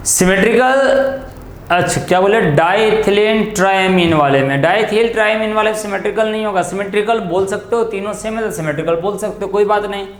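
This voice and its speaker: A man's voice: high voice, a little fast, roomy sound. A man teaching a chemistry lesson, asking questions and answering them himself, stretching out key terms. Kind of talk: classroom lecture on coordination compounds.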